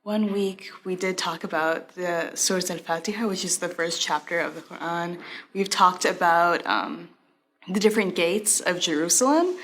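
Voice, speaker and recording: A young woman talks casually about her student group. Her voice sits a bit low, and the talk is relaxed and loose, full of fillers. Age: young adult. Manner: relaxed, chatty, many fillers. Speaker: student in the program. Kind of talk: interview testimonial.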